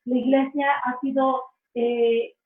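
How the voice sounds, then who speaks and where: High-voiced woman giving testimony. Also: flat delivery. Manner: earnest, slow storytelling with frequent restarts. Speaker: interviewee sharing a testimony. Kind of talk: faith testimony in an interview. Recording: echoey, distant, phone-like sound.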